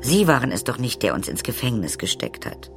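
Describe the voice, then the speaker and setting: A man voicing a worried woman prisoner who speaks in a hushed, urgent way in a storybook. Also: medium pitch, very animated, fairly quick, creaky, soft background music.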